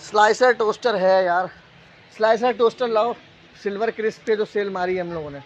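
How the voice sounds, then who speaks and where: Strolling through an appliance shop with a handheld phone, a Pakistani-accented salesman hosts a live sale video, pitching casually and without a script at a fairly quick pace. Like a street vendor, he keeps repeating prices and catchphrases. The lo-fi phone audio is dull, with shop noise around him.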